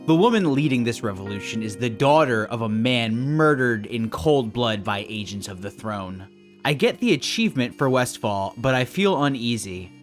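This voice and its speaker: A man narrating a game video in a scripted, dry and sarcastic way. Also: medium pitch. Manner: dry, sarcastic, mock-suspicious. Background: faint background music.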